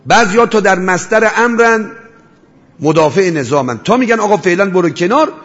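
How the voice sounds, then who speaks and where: A man preaching a mourning sermon, rhetorical, swinging between loud cries and hushed storytelling. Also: high voice, expressive. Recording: dull reverberant hall sound.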